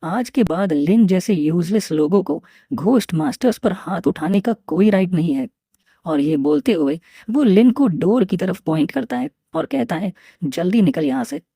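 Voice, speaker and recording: A woman narrating a recap of a comic story in a steady storytelling delivery. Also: medium pitch, moderate pace, creaky, breathy edge, no echo, studio quality.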